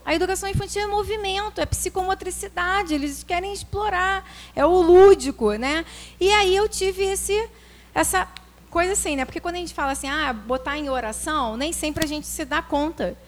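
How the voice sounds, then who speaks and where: A woman, a preschool teacher, telling a personal classroom story in an animated way, acting out quoted voices and using religious phrasing. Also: extremely high pitch, normal speed. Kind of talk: personal testimony talk.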